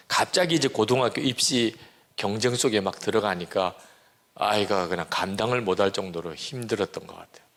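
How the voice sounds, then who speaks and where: Pastor in his sixties, male, gravelly, earnest storyteller preaching a testimony. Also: fairly low pitch. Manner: earnest storytelling, acts out quoted prayers and dialogue. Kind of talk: sermon testimony.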